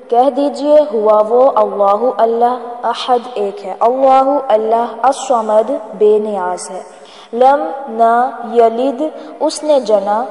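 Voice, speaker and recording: A woman teaching an online tajweed lesson, explaining pronunciation and chanting verses slowly. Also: on the high side, dark tone, reverberant, big-room sound. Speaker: Quran recitation teacher.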